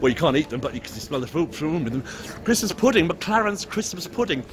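An English vlogger tours a busy outdoor Christmas market with a gimbal-mounted handheld camera, joking and chuckling as he chats with stallholders. His voice is on the high side, sing-song, and fairly quick, amid street crowd chatter.

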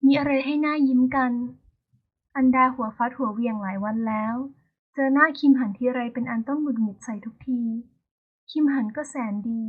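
A woman's voice: high voice, a little fast, slightly rough. A woman narrating a romance audiobook in a storytelling style, voicing the characters' lines as they come. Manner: lively, voices characters' lines in dialogue. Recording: phone-like narrow band.

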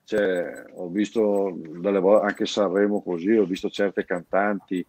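A man's voice: low-pitched, fairly even intonation, measured pace, a little mellow. A middle-aged man with a Brescian Italian accent, talking casually as an interview guest, rambling and restarting his sentences often. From Brescia area, northern Italy. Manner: rambling, many restarts and repeated words. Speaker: guest, founder of an artists' collective.

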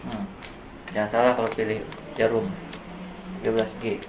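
A man's voice: fairly low pitch, flat delivery, moderate pace, distant mic. A man speaking through a face mask, a body piercer giving matter-of-fact aftercare advice during a live-streamed piercing session. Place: indoor piercing studio. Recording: echoey room with background noise.

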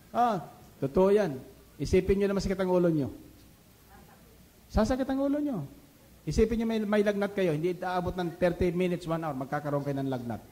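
A man preaching a radio sermon in an animated, rhetorical way, mixing English phrases into his talk and often asking his listeners if they agree. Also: high-pitched. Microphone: studio microphone.

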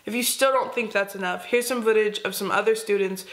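A woman's voice: medium pitch, steady tone, brisk. Sarcastic teen girl narrating. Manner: sarcastic, teasing. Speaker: student video host. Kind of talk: comic scripted narration. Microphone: close camera, plain wall.

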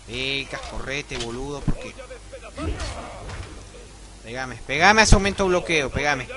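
A young man with an Argentine accent giving casual, profane let's-play commentary, yelping and shouting at the game. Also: medium pitch, lively intonation, measured pace, noisy background. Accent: Argentine Spanish.

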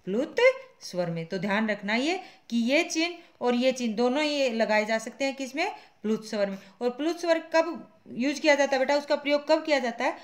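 A woman's voice: high-pitched, a little fast, hardly any pauses. A woman teaching a Hindi grammar class online, who asks her students questions and answers them herself, calling them "beta" and repeating each point patiently. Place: school classroom.

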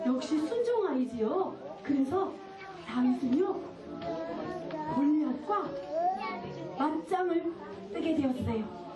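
A woman Sunday school teacher telling a Bible story to young children in an animated way, asking them questions as she goes. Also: high voice, slow pace, pauses often, music in the background. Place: church classroom with young children. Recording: echoey room from far off, children nearby.

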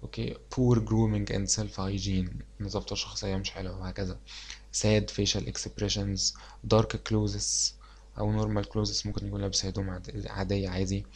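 A fairly low-voiced young man with an Egyptian Arabic accent walks students through exam revision. He explains at an easy, conversational pace and drops English medical terms into his Arabic. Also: flat delivery, normal speed, darkish tone, slightly rough. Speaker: medical lecturer.

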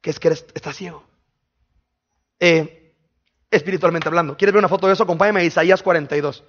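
A man preaching a sermon in a conversational way, firing quick questions at his listeners. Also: a little high, fairly even intonation, fairly bright tone, dull audio. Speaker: pastor. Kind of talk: sermon teaching.

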